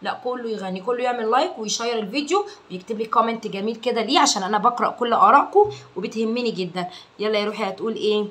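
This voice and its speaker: Egyptian woman, kids' English teacher; playful, coaxing, drills each word over and over, fairly high voice. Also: racing, a bit bright. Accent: Egyptian Arabic. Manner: drills words by repeating them several times; playful and coaxing, addresses parents directly. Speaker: English teacher for young children. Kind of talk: online lesson video for parents.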